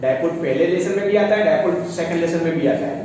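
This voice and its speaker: A man's voice: a little high, fast, a little mellow, a little hiss or hum. A male physics teacher lecturing a class, often calling the students "beta" and checking whether they understand. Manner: calls students "beta", asks checking questions. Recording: echoey classroom from far off.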